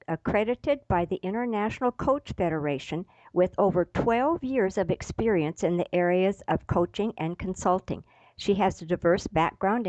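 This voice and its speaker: A woman's voice: mid-range voice, darkish tone, no echo. Woman podcast host, upbeat, dry close sound, dull lo-fi recording. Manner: upbeat, enthusiastic introductions. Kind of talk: interview hosting.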